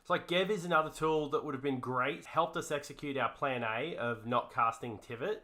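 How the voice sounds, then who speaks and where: A co-host of a comedic card review jokes around in a put-on broad Australian accent, piling on heavy Aussie slang. His voice is medium-pitched, pushed and bright, at a moderate pace.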